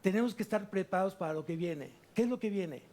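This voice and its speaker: A man preaches a sermon in a high-pitched voice. He keeps asking questions and answering them himself, with lively stops and restarts. He speaks into a microphone in a church. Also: fast. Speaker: pastor.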